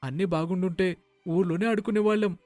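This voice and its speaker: A man doing a timid, soft-toned little boy. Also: sits high, steady tone, fairly quick, no room sound, soft background music, pitched above the performer's own voice, close to an everyday voice. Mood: fearful. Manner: fearful, pleading. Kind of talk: cartoon story voice acting.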